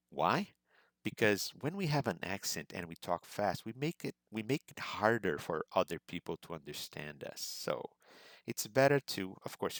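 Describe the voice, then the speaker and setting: Slow, deep-voiced male language teacher. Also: no echo, clean studio sound. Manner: measured, explanatory, models student speech examples. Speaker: English exam prep teacher. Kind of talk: instructional lecture.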